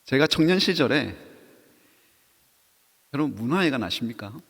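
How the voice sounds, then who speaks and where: A man's voice: medium pitch, sing-song, moderate pace, vocal fry, a bit bright, long reverb tail. A man preaching a sermon to young adults, telling a story with acted quotes and questions to the audience. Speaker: pastor.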